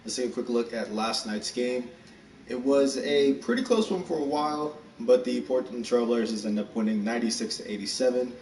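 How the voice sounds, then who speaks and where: A man's voice: mid-range voice, expressive, a little mellow. Breathless man streaming a sports game. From Texas. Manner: casual, rushed, chatty, upbeat. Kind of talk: live-streamed video game commentary. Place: room at home. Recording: roomy echo, distant mic, faint background hum.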